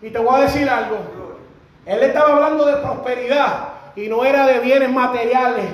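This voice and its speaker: A man preaching a sermon in a church, fervent and breaking into shouts on key phrases. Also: very high voice, fairly even intonation, moderate pace. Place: church sanctuary. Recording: very echoey church hall.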